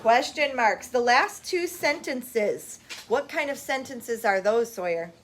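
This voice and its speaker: A woman teaching a classroom phonics lesson, brisk with the children and slow and lilting when reading poetry aloud. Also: on the high side, animated. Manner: brisk, reads poetry slowly with a lilt.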